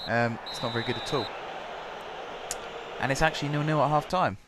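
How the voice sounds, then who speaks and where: A young man with a sore throat gives chatty, rambling commentary over a football management game, packing it with fillers. His mid-range voice moves briskly against a noisy background.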